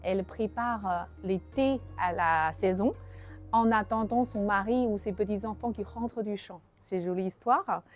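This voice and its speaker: A woman's voice: mid-range voice, normal speed, soft background music. Woman, hesitant. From China. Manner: simple, slightly broken French with hesitations. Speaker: tea shop manager. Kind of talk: casual interview answers.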